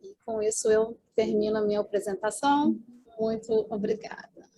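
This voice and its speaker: A woman's voice: on the high side, big pitch swings, normal speed, vocal fry, warm tone. Brazilian woman presenting over video call. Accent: Brazilian Portuguese. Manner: explanatory, with many fillers and tag questions. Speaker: conference presenter.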